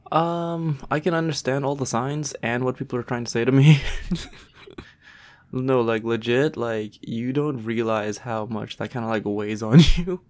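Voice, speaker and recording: A young man co-hosting a podcast in casual, halting, slangy talk with some swearing. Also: mid-range voice, darkish tone. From Toronto, Canada. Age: young adult. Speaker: podcast co-host. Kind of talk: casual chat.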